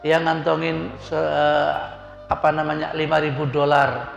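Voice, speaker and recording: A middle-aged man preaches as a hajj guide in a sermon full of storytelling, folksy and chatty, acting out the people in his tales. His fairly high voice is level and measured, with vocal fry, and the highs are cut off in an echoey hall with faint music.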